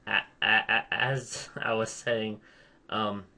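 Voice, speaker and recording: Young guy rambling thru a game, kinda low voice but bright, keeps restarting and calling himself bad. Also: flat delivery, slow, gravelly. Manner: rambling, restarts sentences, self-deprecating. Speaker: channel host. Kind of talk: casual gaming chat.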